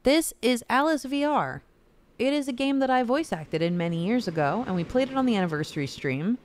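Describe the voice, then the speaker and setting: Animated woman streaming games. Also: a little high, a little fast, slight background noise. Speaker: game streamer, voice actor. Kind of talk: casual livestream game commentary.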